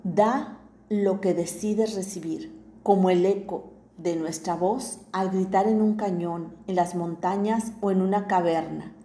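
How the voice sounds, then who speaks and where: Slow, mellow woman narrating inspirational reflections. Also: medium pitch, fairly even intonation, reverberant. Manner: measured, deliberate reading with pauses between phrases.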